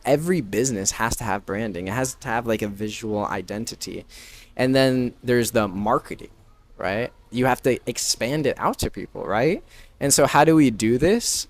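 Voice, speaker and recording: A man's voice: mid-range voice, no echo. A man in his twenties, a podcast guest who runs a branding business, speaking in a casual conversational way that is full of "like" and "right?". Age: 20s. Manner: filler-heavy, frequent "like" and "right?" tags.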